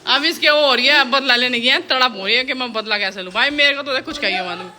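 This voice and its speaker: A woman's voice: high voice, quick pace, sharp tone. A woman filming a casual family vlog, teasing and laughingly scolding the kids and a young relative. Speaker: vlogger. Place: outdoors and at home with family.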